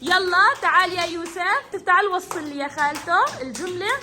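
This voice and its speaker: A woman's voice: very high voice, brisk, sharp tone. A woman teacher, leading children in a reading game and praising them often. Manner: encouraging, praising, calls on children by name. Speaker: kindergarten teacher. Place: classroom with children.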